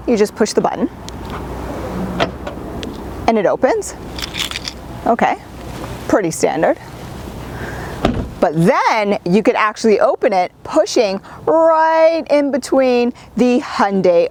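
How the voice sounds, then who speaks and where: A woman's voice: a little high, background noise. A woman reviewing a car, chatty and enthusiastic as she walks through its features. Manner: chatty, enthusiastic, with little laughs. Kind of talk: upbeat car review walkthrough.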